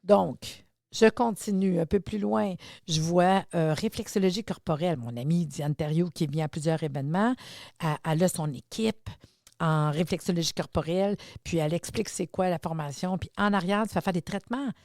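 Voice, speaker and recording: A woman's voice: on the low side, moderate pace, vocal fry, a little mellow, no room sound, clean studio sound. A middle-aged woman with a Québécois French accent, hosting a podcast and telling a story in an enthusiastic, chatty, exclamatory way. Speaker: podcast host. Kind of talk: casual storytelling monologue.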